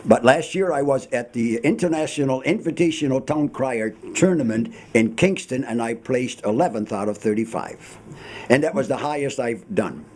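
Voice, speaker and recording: Casting: male radio guest, mid-pitched, slightly rough-edged voice, playful theatrical explainer. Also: expressive, normal speed, a little mellow. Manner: jocular, theatrical storyteller with rhetorical questions. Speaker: town crier guest. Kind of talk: radio interview, explanatory storytelling. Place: radio studio. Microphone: studio microphone.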